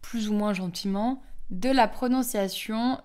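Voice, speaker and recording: A woman's voice: a little slow, smooth. A young woman from Belgium with a Belgian French accent, explaining as a French teacher to camera, with frequent hesitant fillers. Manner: frequent hesitant "euh" fillers, lively pitch swings.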